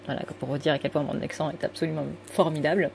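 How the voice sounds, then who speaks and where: Chatty tarot-reading woman, lower voice, rambling and self-correcting; faint hiss behind. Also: fairly even intonation, quick pace, creaky. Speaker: tarot card reader. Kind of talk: casual spoken tarot reading.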